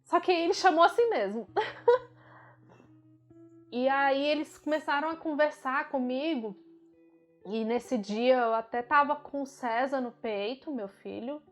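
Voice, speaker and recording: A woman's voice: sits high, moderate pace. A young woman from Brazil telling her own story of early motherhood, candid and emotional, often correcting herself mid-sentence. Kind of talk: personal storytelling. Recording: slightly dull recording with faint music.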